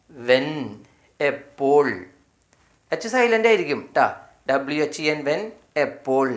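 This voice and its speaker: A man with a Malayali accent teaching English spelling, slowly spelling each word letter by letter and repeating its meaning. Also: fairly high pitch. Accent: Malayali, from Kerala. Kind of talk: spelling and pronunciation lesson.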